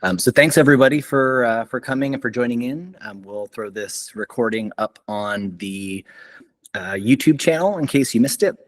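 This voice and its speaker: A man's voice: mid-range voice, moderate pace. A man moderating an online journal club over a video call, chatty and upbeat, with many fillers and restarts. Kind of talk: casual online meeting chat.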